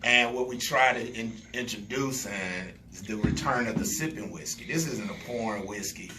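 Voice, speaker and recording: A man's voice: fairly low pitch, moderate pace, background noise. A man talking enthusiastically as a guest about his whiskey brand in a casual radio interview.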